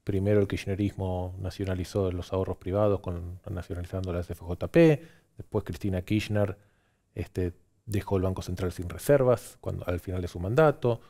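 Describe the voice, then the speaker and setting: Guest analyst, male, Argentine, lowish mellow voice, fluent and listing points. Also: fairly even intonation, moderate pace. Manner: fluent, lists points one after another. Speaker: pollster guest. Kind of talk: political analysis on TV.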